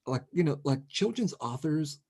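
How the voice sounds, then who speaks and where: A middle-aged man talking with animated restarts, as an author in a casual conversation over a video call. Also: fairly high pitch, husky. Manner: animated, quick, with many restarts. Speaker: author guest.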